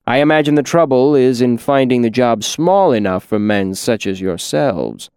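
A man's voice: medium pitch, expressive, darkish tone, clean tone, dry recording, studio quality, close to an everyday voice. A man doing an old, honey-voiced mocking storyteller. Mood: calm mocking. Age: older. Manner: slow, rich, drawling.

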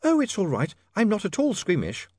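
A man reading a story aloud and voicing a brisk, cheerful young lady who speaks in a bright, forthright way. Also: high-pitched, huge pitch swings, breathy edge, no echo, studio quality, voice pushed up, full character voice.

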